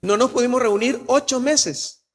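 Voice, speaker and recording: A man's voice: very high-pitched, normal speed. A man with a Salvadoran Spanish accent preaching a sermon in a church, earnest and personal, sometimes rising to emphatic exclamations. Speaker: pastor.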